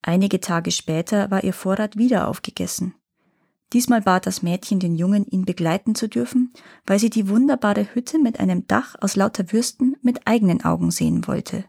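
Woman calmly narrating a fairy tale. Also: mid-range voice, moderate pace, gravelly, breathy edge, no echo, clean studio sound. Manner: calm, even storytelling. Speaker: storyteller.

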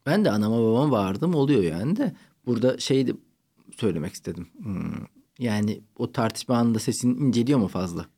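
A man's voice: mid-range voice, lively intonation, brisk, dark tone. A man hosting a podcast, chatting casually and teasing his guest with frequent laughter. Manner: playful, teasing, laughs often. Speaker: podcast host. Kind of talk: casual chat.

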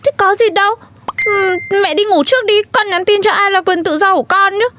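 Woman as a bratty teen girl, very high, bright, light music under. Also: fairly quick, slight background noise. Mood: sulky. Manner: defiant, whiny arguing. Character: teenage schoolgirl daughter, stubborn, talks back. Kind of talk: comedy sketch acting.

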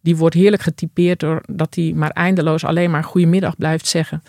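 A woman's voice: deep voice, little pitch movement, a little fast, creaky, darkish tone, dry recording, clean studio sound. A woman translator talking as a guest in an interview, hesitant and full of fillers. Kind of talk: casual interview talk.

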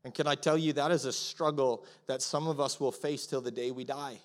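A man preaching a sermon as pastor, earnest, acting out prayers to God and dropping to a soft hush at times. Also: medium pitch, fairly even intonation, fairly quick. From Canada.

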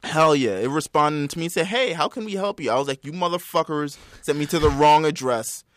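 A young man, telling a story as a profane, animated rant in casual chat. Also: on the high side, a little fast, dry recording, studio quality. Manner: swears a lot, animated storytelling.

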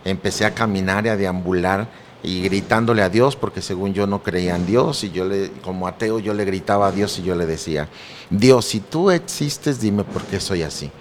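Slightly fast and low-pitched, this middle-aged man is a pastor giving his testimony with earnest, preacherly conviction and scripture quotations. A faint hiss or hum runs underneath.

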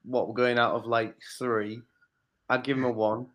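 A man's voice: mid-range voice, level tone, normal speed, a bit bright. A man co-hosting a casual film podcast, blunt and swearing often. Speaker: podcast co-host.

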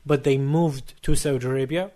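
A man from Syria chatting casually, earnest and a little halting. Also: medium pitch, steady tone, mellow. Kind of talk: casual chat.

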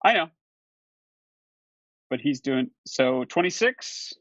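A man's voice: medium pitch, lively intonation, takes it slowly, fairly bright tone. A man playing a tabletop game, hesitant, with many fillers as he describes his moves. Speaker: player. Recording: dull lo-fi recording.

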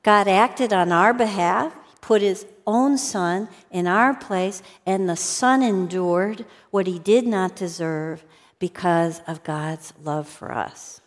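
A woman's voice: mid-range voice, slow. A woman teaching a Bible lesson in a large hall, earnest and storytelling, sometimes acting out quotes. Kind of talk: sermon talk with personal stories. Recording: long hall reverb.

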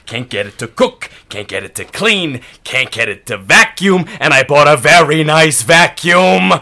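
An actor plays an irritable male customer with a forceful, sharp voice. His pitch swings widely as he complains with entitled sarcasm. It suits a comedy phone sketch. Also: lively intonation, a little slow, full character voice. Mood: fed up. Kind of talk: acted comedy phone call.

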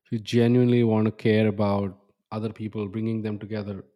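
A man's voice: fairly low pitch, level tone, a little fast, dull audio. A man in his thirties hosting a podcast, talking in a reflective, rambling way with restarts. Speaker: podcast host. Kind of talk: casual interview chat.

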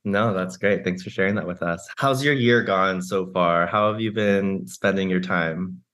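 A relaxed man hosting a podcast, with a lowish voice. He reads the guest's bio at an easy pace and drops in plenty of casual fillers. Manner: relaxed, filler-heavy, reads the intro a little slowly. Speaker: podcast host.

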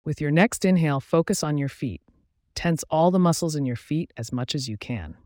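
A man guiding a relaxation meditation in a calm, soothing, measured way, giving instructions with pauses. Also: fairly high pitch, no room sound, studio quality. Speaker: meditation guide. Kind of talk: guided relaxation meditation narration.

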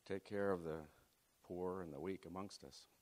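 A middle-aged man from a Chilean upbringing speaks in a low, slightly mellow voice at a moderate pace. Invited as a guest speaker, he leads students through an exercise in a folksy, faith-based talk, with the large hall giving the recording a long reverb.

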